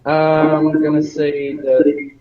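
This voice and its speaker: A man's voice: a little high, monotone, slow pace, muffled recording. A man playing a tabletop game over a voice call. His audio echoes, and he works things out aloud with some hesitation. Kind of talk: casual online tabletop play.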